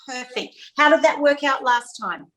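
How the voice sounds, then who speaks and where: A chatty woman guides a cooking lesson over a video call, repeating the key steps with easy fillers. Her voice sits a little high. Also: moderate pace, a bit bright, a little hiss or hum, poor audio. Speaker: cooking class host.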